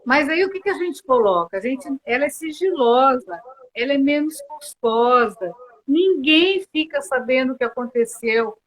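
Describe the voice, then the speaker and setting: A woman's voice: high-pitched, lively intonation, normal speed, poor audio. A Brazilian woman mediator answering interview questions earnestly, often restarting with hesitant fillers, on a video call. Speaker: mediator and guest.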